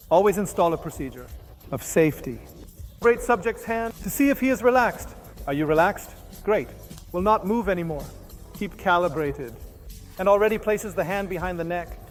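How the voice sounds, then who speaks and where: Man, high voice, hypnosis instructor, demonstration lecture, short halting phrases, repeated commands, faint background music.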